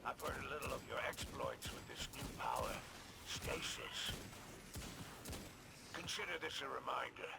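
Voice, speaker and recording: Spider, a gravelly alien crime boss. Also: male voice, medium pitch, huge pitch swings, full character voice. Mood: sly. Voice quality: gravelly, hissing half-whisper. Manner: smooth, slow, ingratiating. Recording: game cutscene audio with ambient noise.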